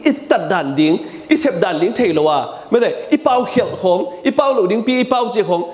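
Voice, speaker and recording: Male preacher, high and very animated, repetitive emphatic delivery, mixes in English words, roomy echo. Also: fast. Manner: mixes English terms into his speech. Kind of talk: sermon. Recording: echoey room.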